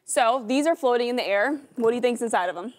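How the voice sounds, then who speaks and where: A woman's voice: fairly high pitch, lively intonation, fast. A woman in her twenties explaining a science demonstration as a TV guest. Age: 20s. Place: TV studio with audience. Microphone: lapel mic.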